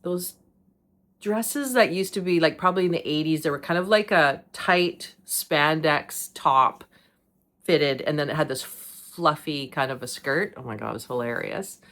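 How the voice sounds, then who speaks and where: A woman's voice: low-pitched, a little slow, fairly bright tone. A middle-aged woman hosting a podcast, talking casually about acting, often laughing and drifting off on tangents. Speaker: podcast host. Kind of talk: casual monologue.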